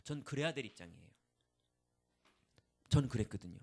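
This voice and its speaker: A man's voice: medium pitch, animated, normal speed, vocal fry, darkish tone. A male pastor giving a candid, confessional testimony in a sermon, acting out his own grumbling thoughts.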